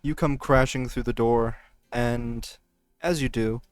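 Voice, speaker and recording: A man running a tabletop role-playing game as game master, narrating scenes in a measured way. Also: medium pitch, fairly even intonation, dry recording.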